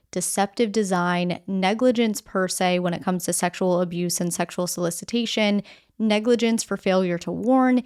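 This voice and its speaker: A woman's voice: medium pitch, darkish tone, smooth. Plainspoken woman hosting a news podcast. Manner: plainspoken and direct, explains step by step. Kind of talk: conversational news explainer.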